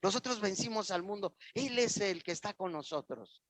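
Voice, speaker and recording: A man with a Mexican accent preaches a sermon to his congregation, his voice sitting high for a man. He is emphatic and repeats himself, often turning to address the listeners directly. The sound is dry and close, with little room echo. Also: animated, normal speed, a bit bright. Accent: Mexican Spanish. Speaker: pastor. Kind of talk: sermon with personal testimony. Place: church.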